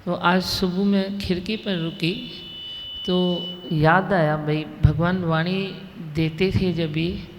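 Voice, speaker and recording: A woman, a spiritual teacher telling a devotional story to an audience in a large hall, unhurried and vivid. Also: lowish voice, steady tone, slight background noise. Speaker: spiritual teacher leading a satsang. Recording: long reverb of a hall.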